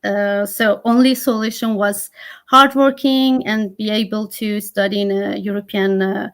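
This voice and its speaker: Iranian-accented woman guest, thirties, earnest and halting, medium pitch. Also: level tone, fairly bright tone. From Iran. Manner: halting, many "uh" fillers, earnest. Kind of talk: interview conversation.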